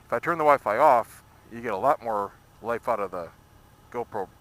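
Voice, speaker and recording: A man's voice: medium pitch, fairly quick, poor audio. A man giving casual, rambling ride-along commentary, thinking aloud and explaining things as he records from inside a motorcycle helmet. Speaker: motorcycle vlogger. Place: outdoors at night, riding a motorcycle. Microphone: microphone inside a motorcycle helmet. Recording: loud engine and wind road noise. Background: motorcycle engine and road rush.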